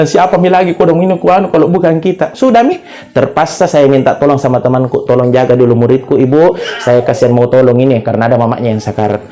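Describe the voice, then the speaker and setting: A middle-aged man preaching a humorous condolence sermon in a notably high voice, with a clear Makassar accent. He tells his stories like a joker and acts out each side of the dialogue himself. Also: mellow. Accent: Makassar Indonesian. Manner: joking storyteller acting out dialogue.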